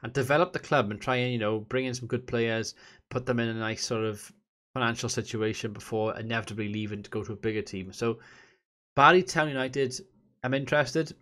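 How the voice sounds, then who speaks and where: A man's voice: mid-range voice, steady tone, fairly quick, a bit bright. A man from south Wales with a Valleys accent, giving casual, chatty commentary as host of a gaming vlog. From Merthyr Tydfil, south Wales. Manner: informal, chatty explaining.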